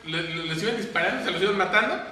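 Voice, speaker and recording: A man's voice: high-pitched, quick pace, bright, forceful tone, far from the mic, a little hiss or hum. A man with a Mexican accent in casual podcast chat, jumping in eagerly and laughing as he talks. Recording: echoey room, voice a bit off-mic.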